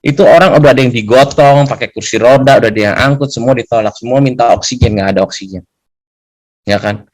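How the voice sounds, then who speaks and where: A man's voice: mid-range voice, fast. A young man telling a personal testimony in a conversational way, often adding a questioning tag to seek agreement. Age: young adult.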